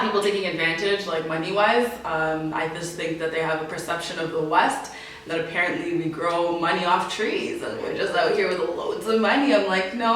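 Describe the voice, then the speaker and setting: A young Canadian woman with a medium-pitched voice answers interview questions as a guest, chatty, animated and laughing often. She sits off mic at a distance in an echoey room, with slight background noise.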